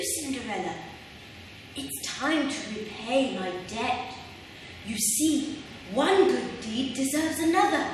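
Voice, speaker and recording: Woman as a kindly fairy godmother in a panto, slow and swoopy, echoey hall, far from mic. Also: sits high, heavily acted. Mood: mysterious, kindly. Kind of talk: theatrical stage pantomime, partly rhyming. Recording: distant mic in echoey hall, faint noise.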